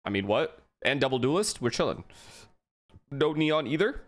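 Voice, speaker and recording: A man streaming a live esports watch-along, excitable and profane, talking straight to his chat. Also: mid-range voice, moderate pace.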